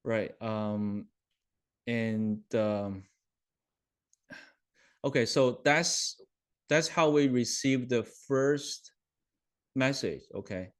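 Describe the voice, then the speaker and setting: Over a video call, a male webinar host walks through a live software demo, full of ums and self-corrections, often checking in with his listeners. His mid-range voice is smooth, and he speaks extremely slowly with long pauses.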